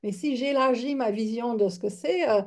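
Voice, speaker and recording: Mellow-voiced woman in her fifties from Michigan. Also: a little high. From Michigan, United States. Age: 50s. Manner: chatty, halting, many fillers and restarts. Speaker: yoga teacher. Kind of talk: online lecture.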